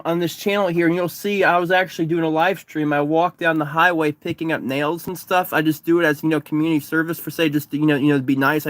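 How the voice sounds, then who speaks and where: Sitting in his parked car, an exhausted, sunburned distance swimmer livestreams, reading comments and chatting casually while rambling and repeating himself. His voice is a little high and a bit bright, with no room sound.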